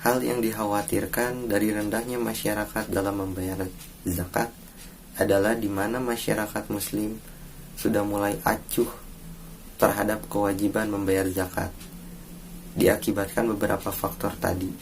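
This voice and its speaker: A young man with an Indonesian accent reads out a course presentation. His voice sits low and stays flat, and his delivery is measured and earnest. A faint hiss runs under the recording. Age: young adult. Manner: formal, earnest, measured delivery with pauses between phrases. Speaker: university student presenting a course assignment. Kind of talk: read-aloud presentation.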